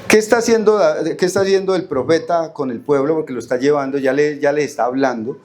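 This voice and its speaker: A fast-talking man with a slightly high, somewhat mellow voice and a Colombian accent preaches a Bible study in a church hall. He puts questions to the congregation and answers them, and draws out key words while reading verses aloud.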